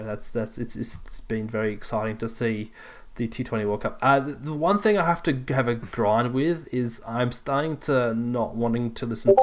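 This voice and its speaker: A young man co-hosting a casual podcast chat, rambling through lists with frequent restarts and chuckles. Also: mid-range voice. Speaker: podcast co-host.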